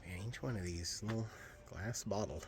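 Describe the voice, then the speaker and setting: A young man narrating his road trip as a travel vlogger, chatty and relaxed, easily impressed by what he finds. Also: low-pitched, moderate pace, noisy background. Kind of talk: casual travel vlog narration. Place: desert campsite and caves outdoors.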